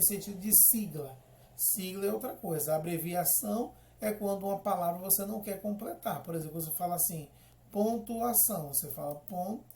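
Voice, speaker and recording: A woman's voice: lowish voice, mellow, roomy sound, slight background noise. A woman teaching a lesson, explaining step by step and checking in often with the class.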